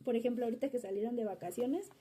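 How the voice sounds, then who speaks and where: Talking very fast in a high-ish, mellow, husky voice, a mother of the interviewee's subject child responds to interview questions. Her answers ramble casually, peppered with fillers and false starts.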